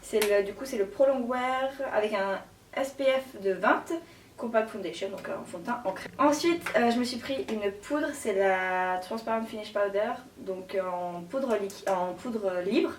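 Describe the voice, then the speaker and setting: A woman's voice: a little high, normal speed, far from the mic, slight background noise. Gushing young woman vlogger, echoey room. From Switzerland. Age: young adult. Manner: gushing, slangy, full of fillers. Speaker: beauty vlogger. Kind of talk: casual haul chat to camera.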